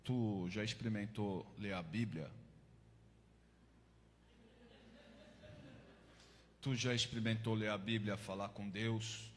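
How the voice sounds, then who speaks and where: A man voicing a burly, tattooed male cellmate who speaks in a deep, slow, calm way. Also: big-room sound, slight background noise, natural voice. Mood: gentle.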